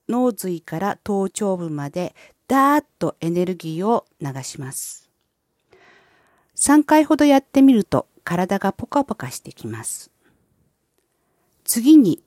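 A woman host reading a scripted wellness explainer with guided visualization, in polite, formal and measured phrasing. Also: fairly low pitch, dark tone, dry recording, clean studio sound. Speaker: host of a wellness and spirituality channel.

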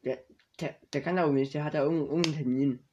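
A woman's voice: low voice, fairly even intonation, racing, a little mellow, dull audio, a little hiss or hum. A teenage girl co-hosting a podcast, chatting casually in a teasing, giggly way. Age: teens. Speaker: podcast co-host. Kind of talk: casual chat.

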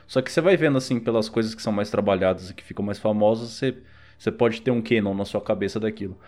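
Over background music, a podcast host with a Brazilian accent keeps things relaxed and slangy in casual conversation. He talks fast, and his voice is fairly low and a little mellow.

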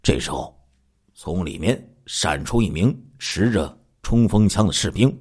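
A man's voice: deep voice, unhurried, slightly rough. A man narrating a crime story in a dramatic storytelling style, drawing out his phrases with particles. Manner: animated, draws out phrases with 啊 and 呢 particles.

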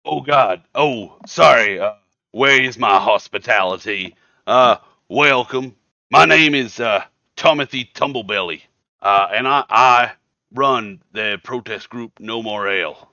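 A man voicing a boisterous, overfriendly leader of an anti-drink protest group, talking loudly and rambling. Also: mid-range voice, a little slow, no room sound, muffled recording. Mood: eager.

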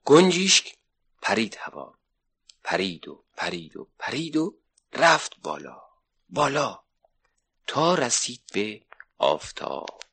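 A man narrating a 1970s children's radio story, lively and expressive. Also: lowish voice, vocal fry, long pauses, slightly rough.

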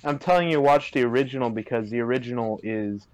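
A man's voice: medium pitch, fast, darkish tone, poor audio. A man chatting casually on a call, rambling and hesitant, with many fillers and restarts. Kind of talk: casual chat. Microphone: remote call.

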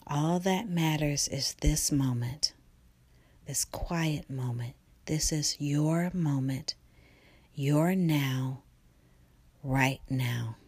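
A woman guiding a relaxation meditation in a soft, slow, partly whispered delivery. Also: sits low, breathy edge, no echo. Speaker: meditation guide.

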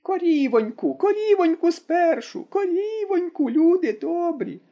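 A man reading aloud and voicing a pious old village woman who wails and laments in a shrill, drawn-out way. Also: sing-song, dark tone, exaggerated voice. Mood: pleading.

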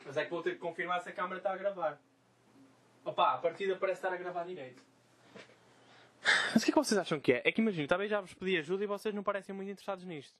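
A man's voice: high-pitched, rapid-fire, pauses often, a bit bright. A young man with a Portuguese accent ranting in a casual solo podcast from his bedroom, swearing freely and mocking the people he quotes. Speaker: podcast host.

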